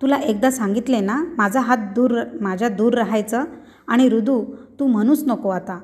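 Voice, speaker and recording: A woman's voice: on the high side, moderate pace, a little mellow, natural voice. A woman reading a story aloud, voicing a hurt and angry young man who speaks bitterly and accusingly.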